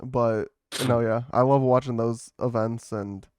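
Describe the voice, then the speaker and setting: A man co-hosts a podcast in an unhurried, steady, mid-range voice that's a little mellow, with a bit of hiss or hum in the recording. His casual chat wanders, full of fillers and swearing.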